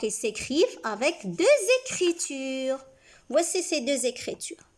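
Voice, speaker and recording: A woman teacher giving a reading lesson to young pupils, saying words slowly and clearly, syllable by syllable, asking the class questions and praising their answers. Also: high voice, darkish tone. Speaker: primary school teacher.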